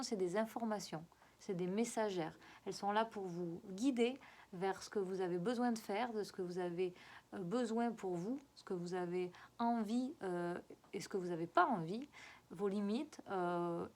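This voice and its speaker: A woman with a regional French accent giving a spiritual guidance reading. She coaxes her listeners and repeats herself, often pausing to search for words. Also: medium pitch, a little mellow. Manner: coaxing and repetitive, often halting to search for words.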